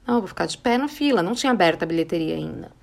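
A young Brazilian woman from the São Paulo area hosts a podcast, telling a story casually and acting out the dialogue with lively voices. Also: fairly low pitch, racing, creaky. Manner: animated, acts out quoted dialogue. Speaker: podcast host.

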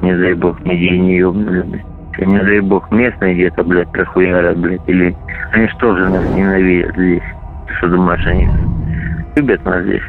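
A man with a lowish voice speaks as a soldier phoning home. He is blunt and sweary, and comes through a narrow, radio-like phone line with faint music underneath. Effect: heard over a radio or intercepted phone line. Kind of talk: casual phone call. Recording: tinny phone-like intercept, music laid over.

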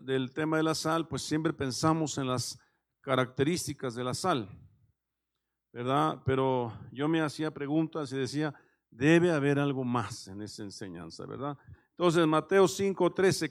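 A male pastor delivers a sermon in a fairly high voice. He keeps it conversational, checking in with his listeners and stopping on fillers as he goes. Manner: conversational, many "¿verdad?" tags and hesitations.

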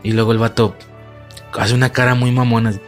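A young man with a Mexican accent, excitedly retelling a story in slangy, profane casual talk and acting out his own shocked reactions. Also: medium pitch, a little fast, soft background music. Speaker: vlogger.

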